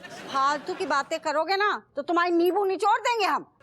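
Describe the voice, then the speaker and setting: A woman's voice: very high-pitched, moderate pace, a crowd in the background, noisy background. A bossy old mother. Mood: scolding. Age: older. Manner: scolding, folksy dialect drawl. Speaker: sitcom character. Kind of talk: TV sitcom acting.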